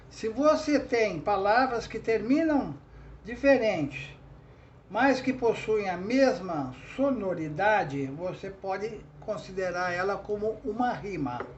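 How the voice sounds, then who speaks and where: A man from Brazil giving an informal lesson on writing verse, slowly and patiently counting out syllables. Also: high-pitched, expressive, highs cut off, a little hiss or hum. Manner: slow, patient, spells out syllables. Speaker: poetry teacher.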